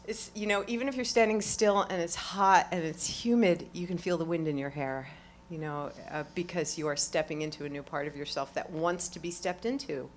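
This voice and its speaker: Exuberant woman onstage, lowish voice. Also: fairly even intonation, brisk, hardly any pauses. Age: middle-aged. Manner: exuberant, swings from quiet to loud exclamations, laughs often. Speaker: award honoree speaking onstage. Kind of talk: lively onstage conversation with profanity.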